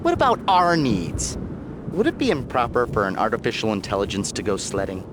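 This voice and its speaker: An actor voicing a hammy, wisecracking artificial intelligence sidekick in a comic video game, jokey and theatrical. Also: male voice, fairly low pitch, very animated, brisk, noisy background. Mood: pleading, jokey. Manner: jokey, theatrical, swooping delivery.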